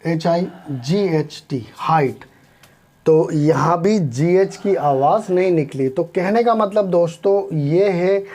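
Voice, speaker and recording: Slow, mellow-voiced male English tutor. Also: fairly high pitch. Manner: spells words letter by letter, often addresses listeners as friends. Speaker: English teacher. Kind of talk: spoken language lesson.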